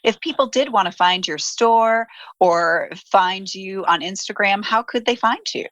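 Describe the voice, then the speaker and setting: A woman's voice: medium pitch, measured pace, a bit bright, no echo. A woman interviewing a guest on a podcast in a conversational, friendly and appreciative manner.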